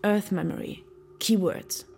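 A woman's voice: medium pitch, a little slow, vocal fry, a little hiss or hum. An actress playing Deirdre, a thoughtful young woman narrating a sci-fi radio drama. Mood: reflective. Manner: quiet, thoughtful, restrained.

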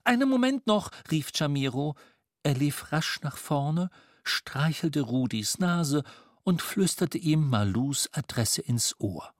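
Male storybook narrator, unhurried, animated delivery, dry studio sound. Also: on the high side, no echo. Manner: lively, expressive reading. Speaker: audiobook narrator.

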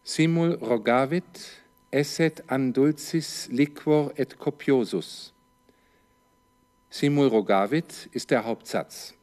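Male teacher, unhurried and methodical, walks through a translation word by word. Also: mid-range voice, darkish tone. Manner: methodical, poses questions and answers them; parses grammar line by line. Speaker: Latin teacher. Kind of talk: slow step-by-step translation lesson.

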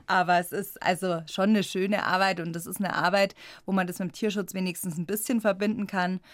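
A woman's voice: fairly low pitch, little pitch movement, a little fast, no room sound. A woman from the Munich area, a guest in a radio interview, telling her story in a chatty way and laughing often. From Munich area, Germany. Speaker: guest, squirrel rescuer.

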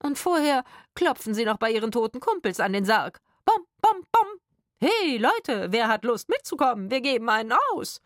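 Lady doing a snappy sarcastic crook woman, loud and bossy, dry close recording. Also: fairly high pitch, sing-song, moderate pace, few pauses, no echo, pitched above the performer's own voice. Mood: mocking. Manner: scolding, sarcastic. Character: sharp-tongued female crook, scornful and bossy.

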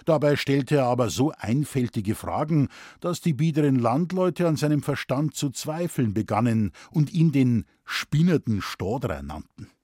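A man reading a humorous story aloud as the narrator, with a lively, expressive delivery. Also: medium pitch, a little slow, hardly any pauses, dry recording. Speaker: audiobook reader.

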